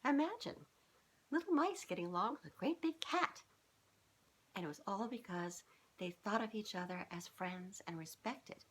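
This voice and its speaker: Indoors in a small furnished living room, a middle-aged woman reads a storybook to children at a normal speed. Her mid-range voice carries lively intonation with a breathy edge, and she addresses the young audience directly and expressively.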